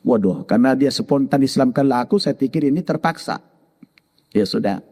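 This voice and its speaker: A man's voice: mid-range voice, normal speed, husky. Preacher man in a reverberant hall. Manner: animated, voicing his mother and others in quoted dialogue. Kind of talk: sermon storytelling.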